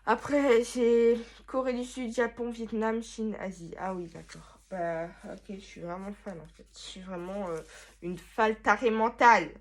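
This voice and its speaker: In her bedroom, a young vlogger reads from her old notebooks, chatting casually in a rambling, self-mocking way punctuated by sudden loud exclamations. Her voice is mid-range and her pace measured.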